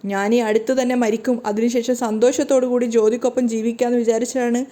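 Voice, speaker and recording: A woman's voice: on the high side, level tone, fairly quick, warm tone, close to an everyday voice. A woman voicing a betrayed middle-aged wife in a wheelchair, pleading in grief. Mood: grieving.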